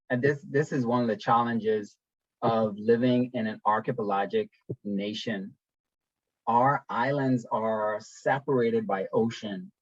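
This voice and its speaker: A young man from the Bahamas presents slides in a webinar, chatting easily and pausing on ums and restarts. His voice sits at a middling pitch. It comes through a video call that sounds dull and dry. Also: no echo. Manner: relaxed, conversational, with frequent ums and restarts.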